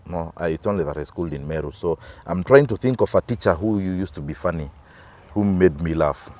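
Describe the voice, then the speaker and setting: A man's voice: deep voice, animated, a little fast, a little mellow. A Kenyan man, an actor as an interview guest, telling stories and often repeating and restarting words. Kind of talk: storytelling interview.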